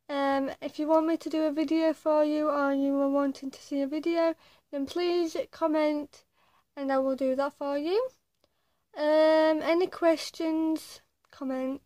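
A young woman with a tongue piercing chats casually to her viewers. Her voice is quite high and fairly even, and she moves slowly, hesitating between short phrases. The sound is close and dry. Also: a little hiss or hum. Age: young adult. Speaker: vlogger. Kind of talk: casual chat to camera. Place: small attic bedroom, indoors. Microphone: phone or webcam at arm's length.

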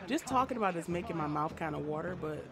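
A woman's voice: on the low side, expressive, fast, crowd noise. A woman streaming a game live, chatting casually and playfully between bits of play. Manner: chatty, playful, laughs easily. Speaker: gaming streamer. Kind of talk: casual live gameplay chat. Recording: game music playing underneath. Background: game soundtrack.

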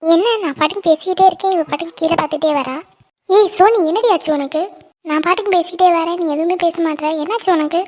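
A woman voices the heroine's cheerful best friend in a cartoon, giving her a very high, fast, slightly mellow sound. The character's manner is playful, teasing and nosy.

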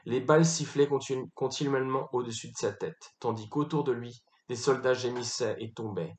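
A man's voice: medium pitch, fairly even intonation, fairly quick, a little mellow. Man reading a novel aloud, roomy. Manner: narrates with rising intensity in battle scenes, occasional slips and restarts. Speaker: reader. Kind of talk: dramatic literary reading. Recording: roomy echo.

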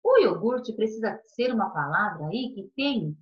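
A woman's voice: medium pitch, very animated, moderate pace, dull audio. A woman teacher with a Brazilian Portuguese accent, giving an online class to young pupils in a patient, sing-song way. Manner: warm, patient, sing-song explaining to children.

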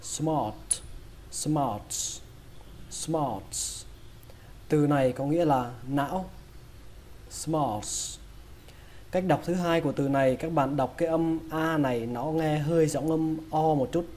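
A man with a Vietnamese accent teaching English pronunciation, breaking each word into sounds and repeating it slowly. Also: fairly high pitch, warm tone, a little hiss or hum. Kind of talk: slow, drilled pronunciation lesson.

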